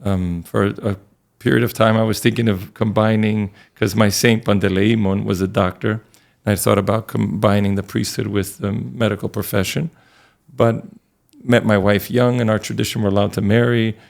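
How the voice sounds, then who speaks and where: A middle-aged man from Connecticut, a priest telling his life story in an earnest, relaxed way as an interview guest. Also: fairly low pitch, normal speed, gravelly. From Connecticut, USA.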